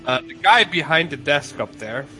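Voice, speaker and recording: A man narrating as game master in a casual tabletop game, with a halting, filler-heavy delivery. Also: fairly high pitch, lively intonation, sharp tone, faint music behind, rough recording.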